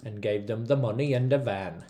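A man's voice: lowish voice, moderate pace, warm tone. A man hosting a movie review podcast in casual chat, playful and laughing often as he tries out accents. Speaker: podcast host.

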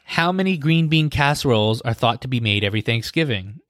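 A man's voice: mid-range voice, expressive, brisk, a loud crowd. A man hosting a podcast, reading food quiz questions in a game-show manner and often laughing. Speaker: podcast host, quizmaster.

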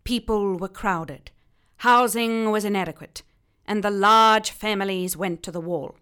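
A woman's voice: medium pitch, a little slow, a bit bright, clean tone, lightly acted. A woman imitating a formal 1940s Australian woman orator in heightened received pronunciation, with clipped diction and tapped Rs. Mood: declaiming. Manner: clipped, tapped R, precise vowels.

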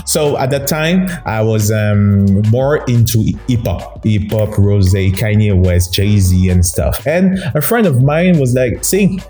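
A man's voice: on the low side, expressive, slow, few pauses, mellow, soft background music. A man with a Togolese accent, a guest telling his story in a casual interview, often repeating words for emphasis. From Togo. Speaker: podcast guest, DJ and dance teacher.

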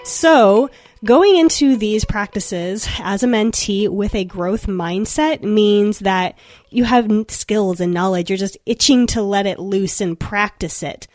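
A woman's voice: medium pitch, takes it slowly, darkish tone, dry recording, soft background music. A young woman veterinarian giving upbeat, chatty advice to students on a podcast, laughing now and then. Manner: upbeat, chatty, laughs often, acts out quotes. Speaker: veterinarian guest speaking to students. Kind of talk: podcast talk, advice monologue. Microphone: computer microphone.

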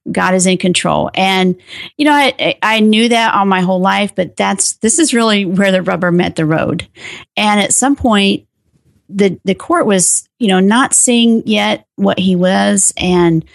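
Middle-aged woman, gravelly voice, emphatic, dry close sound. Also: a little slow, dry recording. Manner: animated, emphatic, rises sharply in pitch when stressing points. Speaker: guest. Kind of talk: personal interview.

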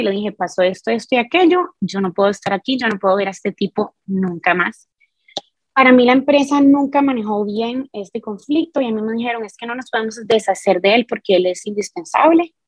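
A woman in her thirties with a Costa Rican accent, telling her own story as an interview guest in an emphatic, lively way and acting out what people said to her. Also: medium pitch, no room sound. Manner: emphatic, animated, acts out quoted dialogue. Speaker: guest, barre studio owner. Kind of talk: candid personal storytelling.

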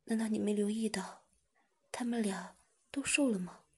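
A woman voicing a gentle, caring young wife in a whispered role-play, soft and soothing. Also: mid-range voice, normal speed, slightly rough. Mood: gentle concern.

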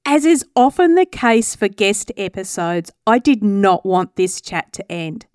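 A woman's voice: mid-range voice, lively intonation, a little slow, a little mellow, clean tone, no room sound, studio quality. A woman introducing a podcast episode and its guest as host, speaking with a smile in her voice. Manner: smiling as she speaks.

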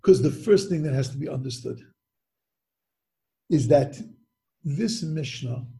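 A man's voice: a little high, a little slow, creaky, mellow. A man teaching a Mishnah lesson, asking rhetorical questions and often restarting his sentences. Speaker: Torah teacher.

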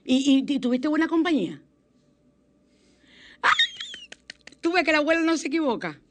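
Chatty, animated woman radio host. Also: high voice, normal speed, noisy background. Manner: animated, chatty, expressive with sudden exclamations. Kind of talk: spiritual self-help radio talk. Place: radio studio.

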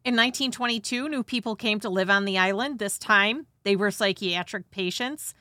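A woman's voice: medium pitch, normal speed, pushed and bright, no echo, clean studio sound. A woman hosting and narrating from a script with casual, conversational asides and a dramatizing touch. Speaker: host.

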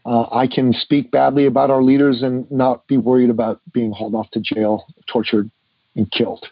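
A man's voice: mid-range voice, flat delivery, moderate pace, no room sound, lo-fi sound. A man in his fifties, born in Iran, telling his life story earnestly as a guest author in a podcast interview, with frequent "uh" fillers. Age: 50s.

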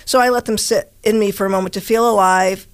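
Woman, middle-aged, calm, matter-of-fact, casual chat, affirming interjections. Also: mid-range voice, quick pace. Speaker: podcast co-host, medium.

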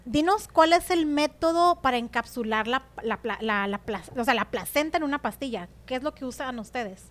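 A woman's voice: sits high, expressive, normal speed, hardly any pauses, a bit bright. A woman hosting a casual interview, effusive, repeating what she hears and mixing Spanish with some English. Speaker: interviewer, host.

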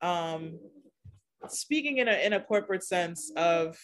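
A woman speaking as a podcast guest in a casual, animated way, laughing often and slowing down for emphasis. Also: lowish voice. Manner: animated, laughs often, shifts between quick and slow emphatic phrasing. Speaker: podcast guest, content creator. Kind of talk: casual conversational interview.

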